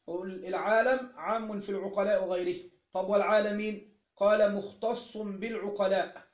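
High-voiced Egyptian man teaching a religious lesson. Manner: asks questions then answers them, repeats key phrases. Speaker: teacher of Islamic jurisprudence. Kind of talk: religious lesson, explaining a text. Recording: roomy, dull lo-fi recording.

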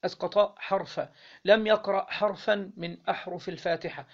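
A man with an Egyptian accent teaching Islamic law, reading a legal text aloud and then explaining it, often pausing to quiz his listeners. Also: high-pitched, steady tone, highs cut off. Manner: reads the text then explains, quizzing listeners with "what?" pauses.

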